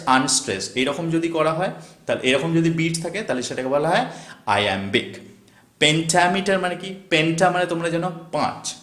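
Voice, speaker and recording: A man's voice: on the high side, fairly bright tone, echoey room. A male teacher, lecturing step by step and chanting lines with heavy stress. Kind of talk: classroom lecture on poetry meter.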